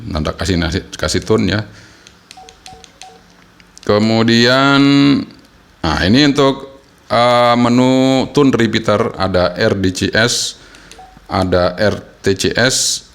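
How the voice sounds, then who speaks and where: A man explaining radio settings step by step in a casual tutorial, often pausing with hesitations. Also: low voice. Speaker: radio equipment reviewer.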